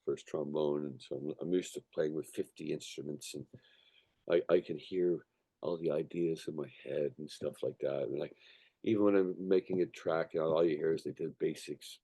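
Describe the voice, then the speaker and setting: A man with a very low, gravelly voice tells stories about his craft as a musician in a loose interview. He rambles emphatically, swears freely and keeps checking that he is being followed. The tone is dark and mellow. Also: steady tone, normal speed. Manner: sweary, emphatic, repeatedly checks listener with "you know" and "right". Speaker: musician, songwriter and record producer being interviewed. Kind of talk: casual rambling interview storytelling.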